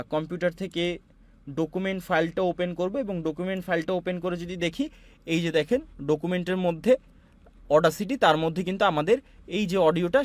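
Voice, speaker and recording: A man from Bangladesh giving an online class, walking students through audio software with patient, repetitive explanations. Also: on the high side. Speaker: online course instructor. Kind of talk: screen-share software tutorial.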